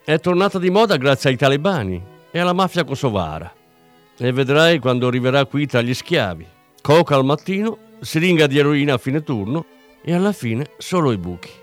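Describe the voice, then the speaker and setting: A man's voice: mid-range voice, big pitch swings, brisk, faint music behind, pitched above the performer's own voice, natural voice. A man voicing a cocky, chatty drug dealer with a mocking, breezy patter, in an audiobook reading. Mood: boastful.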